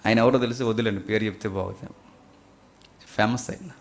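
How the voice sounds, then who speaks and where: A man preaching a sermon in a Telugu accent. He asks his listeners rhetorical questions and swings from quiet asides to loud, high exhortation. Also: fairly even intonation, fairly quick.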